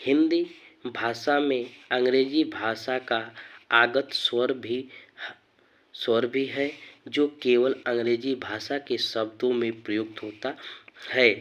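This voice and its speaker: A man teaching Hindi grammar, explaining slowly and repeating phrases as he goes. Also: mid-range voice, steady tone, fairly bright tone. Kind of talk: slow classroom explanation. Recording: dull lo-fi sound.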